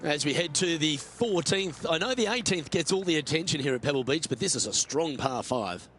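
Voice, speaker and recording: A man performing as a lively, admiring TV golf commentator in a video game. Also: on the high side, brisk. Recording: music behind the voice.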